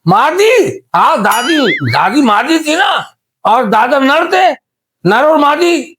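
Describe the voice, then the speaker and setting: An actor playing a deaf man in a comedy interview, who mishears every question and rambles loudly and indignantly. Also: very high-pitched, very animated, slow, background noise, heavily acted. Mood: shouting lecture. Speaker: guest character in comedy interview. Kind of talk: comedy sketch acting.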